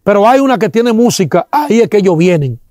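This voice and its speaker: Speaking quickly in a high register, a Dominican-accented man gives a lively testimony, acting out sounds, quoting people, and breaking into religious exclamations.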